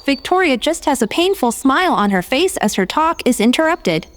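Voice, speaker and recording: A woman with a somewhat high voice narrates her part in a tabletop game replay. Her delivery swings widely as she moves between scripted narration and character lines. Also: sing-song, moderate pace, big-room sound, slight background noise. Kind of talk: scripted third-person narration with character dialogue.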